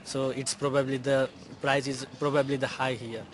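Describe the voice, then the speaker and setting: A man's voice: medium pitch, level tone, normal speed. A man from India answers street interview questions in English. He talks hesitantly and keeps restarting his sentences, with faint city noise around him outdoors. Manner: hesitant, many fillers and restarts.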